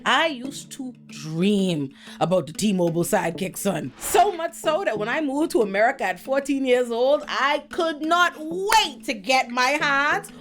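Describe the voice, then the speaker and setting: A woman in her thirties from the Bahamas hosts a scripted comedic commentary, swearing freely and laughing as she tells her stories. Her voice sits a little high and swoops expressively up and down. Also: a little slow, few pauses. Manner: animated, profane, laughing storyteller. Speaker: video essay host.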